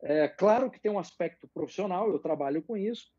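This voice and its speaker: A man explaining political ideas as a guest in a live interview, measured and hesitant, with many fillers. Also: high-pitched, expressive, dark tone, husky, no room sound, highs cut off.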